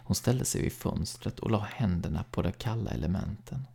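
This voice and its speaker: A man with a gravelly, husky voice reading a horror short story aloud in a calm, measured way, dropping to a hush at times. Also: lowish voice.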